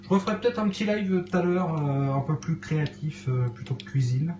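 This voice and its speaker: A man's voice: fairly high pitch, expressive, fairly quick, a little mellow, muffled recording, a little hiss or hum. A man hosting a casual cooking live stream in his cluttered kitchen at home, hesitating often with fillers as he chats with viewers. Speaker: livestream host cooking. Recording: echoey home room.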